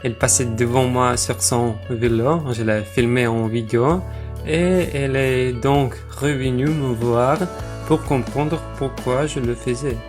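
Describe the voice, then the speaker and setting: Slow-speaking Russian-accented man over music. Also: mid-range voice, fairly even intonation. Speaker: travel vlogger. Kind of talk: scripted vlog narration in French.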